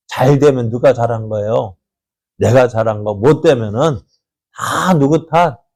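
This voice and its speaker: A man's voice: medium pitch, dry recording. A man pastor preaching a sermon in a church, asking the congregation questions and acting out voices from the story. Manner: animated preaching with rhetorical questions and acted-out quotes.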